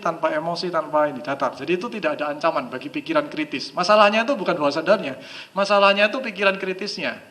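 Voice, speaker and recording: A man giving a live training seminar, his voice bright and slightly high. He talks in a lively, chatty way and sometimes drops to a low, soft voice to demonstrate. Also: slight background noise. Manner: lively, chatty, acts out quoted dialogue. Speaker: hypnosis trainer.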